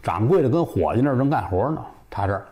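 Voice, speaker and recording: A man's voice: sing-song, quick pace, dark tone. A middle-aged man from northern China telling a traditional comic story, jumping between character voices. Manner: voices several characters, shifting pitch up for women and shopkeepers.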